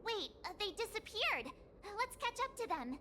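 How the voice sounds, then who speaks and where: A woman's voice: very high voice, sing-song, normal speed, pushed and bright, a little hiss or hum, heavily acted. A woman voicing a small, curious young girl companion in a video game. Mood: suspicious, urgent.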